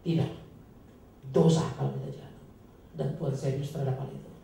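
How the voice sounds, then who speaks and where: A male pastor giving an emphatic, dramatic sermon with sudden loud, high bursts, recorded from a distance in a church hall. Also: flat delivery, brisk, gravelly. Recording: echoey hall, distant mic, faint noise.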